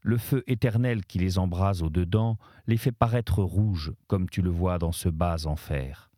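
Solemn spirit-guide, read by a man: low, warm, measured. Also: dry recording, studio quality. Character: stern wise male guide, a poet's ghost. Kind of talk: audiobook-style literary reading.

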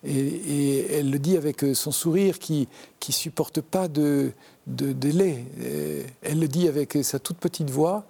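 A French parish priest speaking earnestly in an interview, in a halting way with many restarts. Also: male voice, on the high side, creaky, dark tone, husky. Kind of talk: interview, devotional reflection.

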